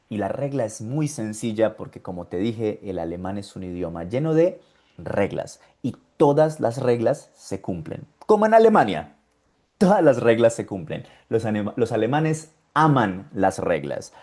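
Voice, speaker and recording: A man teaching German pronunciation, speaking deliberately and repeating each word so the learner can copy it. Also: a little high, mellow. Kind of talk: online pronunciation lesson.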